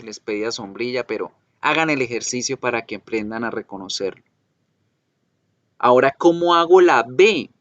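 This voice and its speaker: A man's voice: medium pitch, fairly bright tone, no echo. A male English teacher giving a virtual pronunciation lesson, patiently drilling sounds by repetition. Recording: dull lo-fi dry recording.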